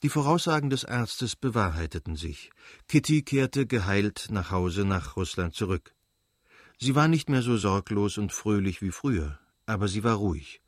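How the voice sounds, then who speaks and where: A man narrating a classic novel as an audiobook in a measured, even way. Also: fairly low pitch, no echo, clean studio sound.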